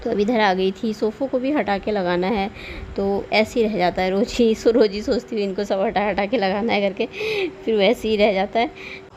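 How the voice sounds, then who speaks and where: A woman's voice: medium pitch, steady tone, normal speed, darkish tone, a little hiss or hum. A woman vlogger casually narrating her housework in a chatty, homely way, with frequent little laughs and tag questions. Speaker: home vlogger.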